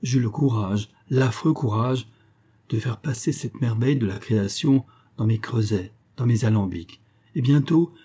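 A man's voice: medium pitch, dark tone, slightly rough, natural voice. A man reading a grieving old professor. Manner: mournful, brooding storytelling. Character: grieving old male professor, obsessed with matter.

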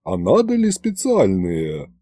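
A man voicing a calm middle-aged male head cook who speaks slowly and softly. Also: low-pitched, no echo, clean studio sound, pitched below the performer's own voice, full character voice. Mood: mild.

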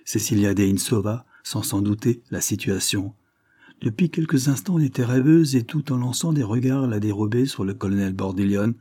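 Male audiobook narrator, husky, low, dark voice, measured delivery, dry close sound. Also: no echo. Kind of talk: scripted narration.

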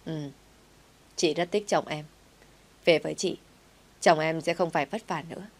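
A woman's voice: low-pitched, moderate pace. A woman reading the part of a well-off woman who talks in a blunt, teasing, matter-of-fact way. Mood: eager.

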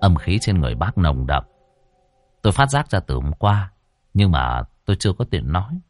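A male storyteller voicing a calm young exorcist who explains things in a low, measured, serious tone. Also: faint music behind. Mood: grave.

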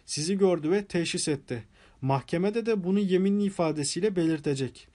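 A man voicing an elderly, sharp-witted spinster detective who speaks gently and politely in an audiobook. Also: high-pitched, fairly quick, natural voice. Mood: triumphant.

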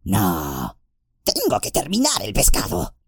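Gollum: wretched hissing creature. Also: male voice, wildly swooping pitch, takes it slowly, no room sound, clean studio sound, heavily acted. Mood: sulky. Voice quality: raspy, gravelly, hissing. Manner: muttering to himself, wild swoops of pitch. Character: wretched old male creature, hissing, fawning, vicious. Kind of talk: audiobook character voice.

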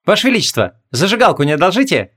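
Male reader doing a young female marquise, high and cheerful, a mischievous audiobook student. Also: sing-song, quick pace, a bit bright, exaggerated voice. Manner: playful, mischievous.

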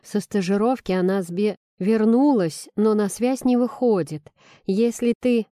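A woman's voice: mid-range voice, unhurried, mellow, no echo, clean studio sound, lightly acted. A woman reading a storybook, voicing an anxious, impatient young male doctor. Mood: anxious, hurried. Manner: nervous, pushy.

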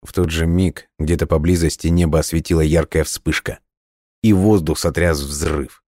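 A man narrating an audiobook in a steady storytelling read. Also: a bass voice, normal speed, no echo, clean studio sound.

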